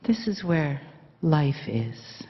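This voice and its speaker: A woman guides a meditation very slowly in a low, soft half-whisper, soothing and breathy. The sound is muffled and rings through a large hall. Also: big pitch swings. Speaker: meditation leader. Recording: dull recording in reverberant hall.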